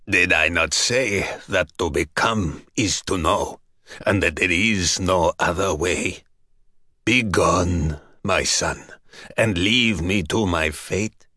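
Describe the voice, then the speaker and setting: Deep, slow, sly old vampire from under the earth, sighing and coaxing, as an audiobook reader puts him on. Dry, close sound. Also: male voice, bright, forceful tone, no echo, exaggerated voice. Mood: weary reproach. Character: ancient buried male vampire, sly and weary. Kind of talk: audiobook character voice.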